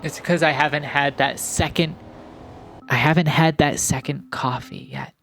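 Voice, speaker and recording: A young man rambles through laid-back gaming commentary, drifting between thoughts with plenty of fillers. His voice sits a touch high and his pace is unhurried. A faint noise floor hums underneath. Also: fairly even intonation, a bit bright. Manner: rambling, many fillers and restarts. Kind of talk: casual chill commentary over gameplay. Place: home, recorded in post.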